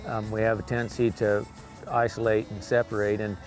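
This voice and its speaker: A man's voice: lowish voice, level tone, a little fast, a little mellow, rough recording. A mature man, a working cowboy and performer, talking reflectively in an interview. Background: music under the voice.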